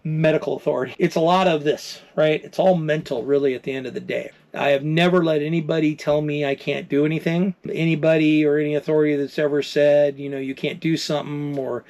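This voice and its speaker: A man's voice: on the high side, fairly even intonation, quick pace, hardly any pauses, darkish tone. A man in his fifties candidly telling a personal recovery story to camera as an RV vlogger, determined and plainspoken with many fillers. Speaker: RV travel vlogger.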